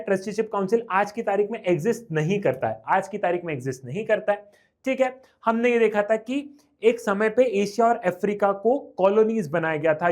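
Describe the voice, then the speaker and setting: A young man teaching an exam revision lecture, lively and repetitive, often checking whether the class has understood. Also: high voice. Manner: reads English lines slowly, then explains quickly.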